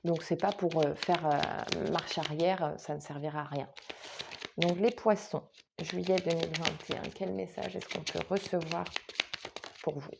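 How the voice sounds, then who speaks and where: A woman's voice: low-pitched, fairly even intonation, measured pace, gravelly, background noise. A woman giving a casual monthly tarot reading, chatting straight to her viewers with frequent hesitations. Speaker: tarot reader.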